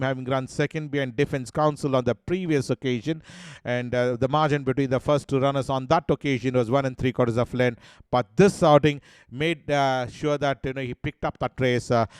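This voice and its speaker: A man with an Indian English accent presenting a horse racing preview, working through each runner's form in a steady, listing way with many "uh" fillers. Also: mid-range voice, clean tone, no room sound. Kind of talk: race preview commentary over replays.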